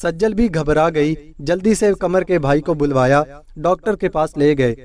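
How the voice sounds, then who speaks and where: A man narrating a story in a steady, plain storytelling manner from a script. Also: fairly high pitch, distant mic.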